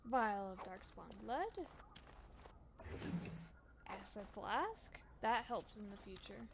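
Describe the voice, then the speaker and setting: A woman's voice: medium pitch, sing-song, slow pace, gravelly, noisy background. A young woman giving casual let's-play commentary, chatty and swearing casually. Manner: chatty, swears casually, talks to her dog. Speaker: gaming streamer.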